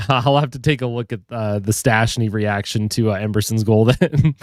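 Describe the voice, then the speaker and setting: A little tired and congested from a head cold, a young man talks casually on a hockey stream, welcoming viewers and going through their comments. His voice is lowish and moderately paced, captured in a dry, studio-quality recording.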